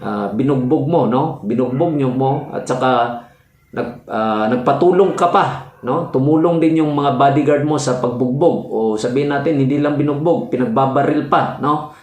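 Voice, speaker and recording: A man teaching in a loose classroom manner, his sentences broken by fillers and quick checks with the listener. His voice sits at a middle pitch, and the room around him rings with noticeable echo. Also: a little mellow. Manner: explains slowly with frequent "no?" checks and hesitations. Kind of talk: classroom-style legal lecture. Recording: echoey room.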